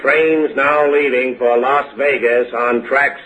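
A formal male station announcer who calls out trains over a loudspeaker in an unhurried, deadpan cadence. The sound is muffled, like an old radio comedy broadcast. His pitch sits in an ordinary middle register for a man. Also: heavy background noise. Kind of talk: 1940s radio comedy acting.

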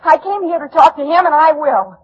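A woman's voice: high-pitched, a little fast, close to an everyday voice. An actress playing an earnest, stubborn young woman who longs for the stage, pleading and insistent in 1940s radio style. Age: young adult. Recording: muffled old radio recording.

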